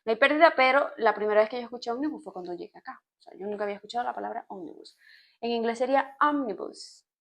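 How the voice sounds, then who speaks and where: A woman from Venezuela with a Venezuelan accent, chatting to camera in an expressive, explaining way, with laughs. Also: fairly high pitch, quick pace, gravelly. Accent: Venezuelan Spanish. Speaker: vlogger. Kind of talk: casual storytime chat to camera.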